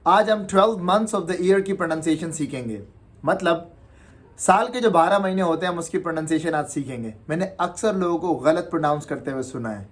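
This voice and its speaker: A man giving a casual video lesson on English pronunciation, mixing Urdu and English and repeating words slowly for drilling. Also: on the high side. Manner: slow, drawn-out demonstration of words.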